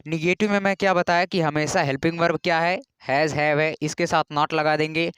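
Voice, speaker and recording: A man from India teaching English grammar in a patient classroom style, repeating key rules and spelling words out slowly. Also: fairly high pitch, steady tone, fairly bright tone, clear, resonant tone, dry recording.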